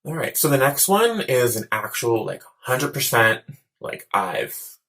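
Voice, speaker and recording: A man's voice: mid-range voice, big pitch swings, a little slow, pushed and bright. A man giving casual reaction commentary as a host, talking in an effusive, campy, slangy way. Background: music videos playing.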